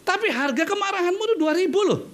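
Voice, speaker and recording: Lively high-voiced preacher man. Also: quick pace. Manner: lively preaching, often calling out to listeners, playful asides. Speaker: pastor. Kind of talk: sermon. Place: church.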